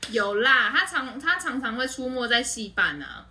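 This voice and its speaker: A woman's voice: on the high side, expressive, normal speed, bright, forceful tone. A young woman with a Taiwanese accent hosting a casual group chat, with noise in the background. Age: young adult. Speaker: podcast host.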